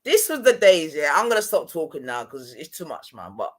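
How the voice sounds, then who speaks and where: A medium-pitched, brisk voice with big pitch swings belongs to a middle-aged Londoner telling casual stories. He talks roadman-style, in street slang and a London accent, regularly checking the listener is with him through tag questions.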